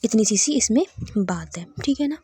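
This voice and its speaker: A woman's voice: fairly high pitch, lively intonation, normal speed, warm tone, slightly rough, no echo. Woman teaching a literature lesson. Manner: checks in with listeners often, repeats key terms.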